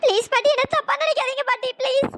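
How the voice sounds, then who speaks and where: A voice actor playing an anxious, apologetic young woman in a cartoon story, with a pitch-raised processed voice. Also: steady tone, fast talker, background noise. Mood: pleading. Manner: pleading, apologetic.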